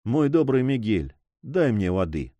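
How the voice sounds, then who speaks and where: A man's voice: medium pitch, big pitch swings, unhurried, a little mellow, no room sound, lo-fi sound. A man voicing a feverish, grief-stricken nobleman who commands a ship, speaking weakly and brokenly. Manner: weak, broken speech.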